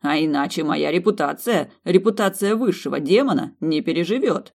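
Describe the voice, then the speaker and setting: Vain high demon man, pompous and easily offended, as the narrator puts him on. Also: expressive, normal speed, creaky, darkish tone. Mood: indignant. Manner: indignant and pompous. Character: proud male high demon, vain genius.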